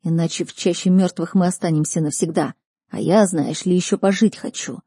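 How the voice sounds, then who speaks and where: A woman's voice: lowish voice, steady tone, a little fast, breathy edge, no room sound, clean studio sound. A woman voicing a brash, commanding young male mage who barks urgent orders in a storybook reading. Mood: hissing scolding. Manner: barking, shouted orders.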